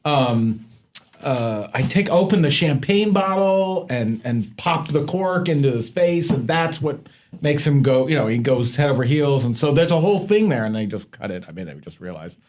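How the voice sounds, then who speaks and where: Lively, laughing male podcast guest. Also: mid-range voice, moderate pace, a little hiss or hum. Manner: animated storyteller, laughs often. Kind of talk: casual podcast chat.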